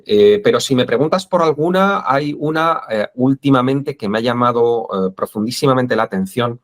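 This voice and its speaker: A man's voice: medium pitch, lively intonation, moderate pace. A man with a Spain Spanish accent, interviewed as an expert guest, who speaks hesitantly with many fillers. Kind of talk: interview conversation.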